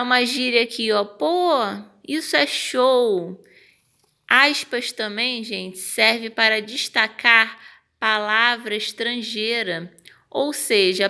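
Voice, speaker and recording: A woman's voice: on the high side, slow, clean tone. A woman teacher with a Brazilian Portuguese accent, patiently explaining punctuation step by step and acting out example phrases. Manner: acts out example phrases with lively intonation. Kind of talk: online grammar lesson.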